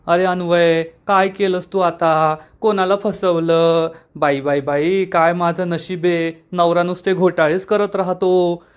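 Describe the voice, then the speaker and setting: A man's voice: sits high, flat delivery, slow pace, few pauses, smooth. A man doing a wailing, worried wife. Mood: lamenting. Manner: lamenting, tearful.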